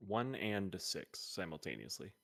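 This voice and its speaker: A man plays a tabletop game, joking around and laughing often. His voice sits slightly low and swings lively up and down. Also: a little slow, creaky. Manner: playful, laughing, jokey. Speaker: player. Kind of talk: casual game chat.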